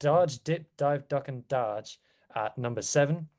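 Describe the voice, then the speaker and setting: A man's voice: mid-range voice, measured pace, darkish tone. A man chatting casually as a rugby podcast guest, with wry, self-deprecating asides. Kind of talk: casual chat.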